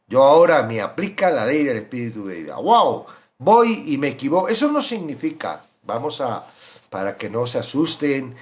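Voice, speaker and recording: Lively teacher, man. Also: mid-range voice. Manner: animated, acts out little voices of believers. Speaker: Bible teacher. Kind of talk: Bible study teaching.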